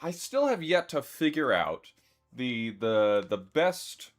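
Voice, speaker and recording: A man streamer chatting casually with his viewers, relaxed and chuckling as he thanks them. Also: mid-range voice, slow, soft background music. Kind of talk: casual live-stream chat.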